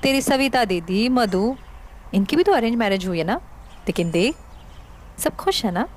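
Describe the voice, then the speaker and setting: A woman's voice: fairly high pitch, expressive, moderate pace. An actress playing a married woman who reassures a younger girl in a TV drama. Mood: reassuring. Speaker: married elder woman Madhu.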